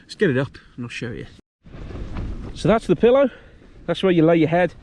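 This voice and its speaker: Higher-voiced man vlogging outdoors in windy noise. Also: big pitch swings, brisk. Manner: jokey, matey and sweary. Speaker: hiking and camping vlogger. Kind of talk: casual outdoor vlog chat to camera. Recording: loud outdoor wind and ambient noise.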